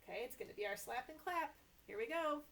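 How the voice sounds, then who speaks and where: A middle-aged woman hosts story time for toddlers in a small indoor room with a sofa and toys, reading aloud and chatting to the children in an exaggerated sing-song. Her high, fairly bright voice is animated and fast with vocal fry. A little hiss or hum can be heard.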